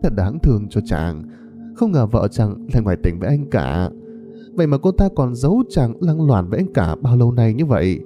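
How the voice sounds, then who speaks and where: A man's voice: mid-range voice, very animated, brisk, over music, voice pushed up, close to an everyday voice. A man voicing a scheming young woman who speaks in a sneering, mocking tone.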